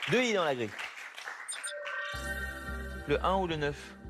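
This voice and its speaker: A man's voice: a little high, very animated, measured pace, a loud crowd. A man hosting a TV quiz show, announcing questions and scores upbeat. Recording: TV broadcast with music and audience. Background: loud music and studio audience.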